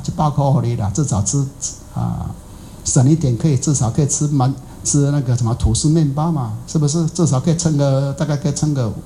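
Chatty monk giving a mellow dharma talk. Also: male voice, medium pitch, a little hiss or hum, rough recording. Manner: chatty, rhetorical questions, many fillers and repeats. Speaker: Buddhist monk teacher. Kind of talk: colloquial dharma talk with anecdote.

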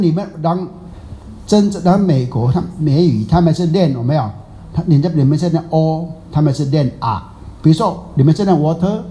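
A man's voice: on the high side, warm tone. A man teaching a Buddhist class in a chatty, teasing way, quizzing his listeners. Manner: chatty, teasing, asks the audience questions. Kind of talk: Dharma talk to a class.

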